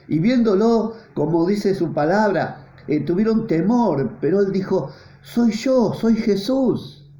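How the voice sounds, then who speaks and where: Earnest preaching pastor, roomy church. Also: male voice, mellow. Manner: earnest, repetitive preaching with swells in pitch. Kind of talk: sermon. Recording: roomy, dull lo-fi church sound.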